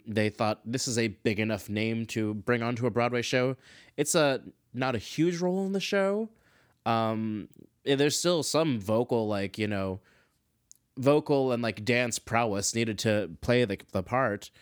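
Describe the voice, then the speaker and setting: A man's voice: mid-range voice, measured pace, smooth, no echo, clean studio sound. Chatty man hosting a solo podcast. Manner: chatty, self-deprecating, digressive. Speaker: podcast host. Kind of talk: casual solo commentary on musical theatre.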